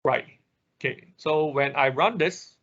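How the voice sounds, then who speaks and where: A non-native English speaker teaches a live online robotics programming class, walking through code on screen step by step and often checking in with "okay" and "right." His voice is a little high, fairly bright, and a touch slow, and the class audio is dull and lo-fi.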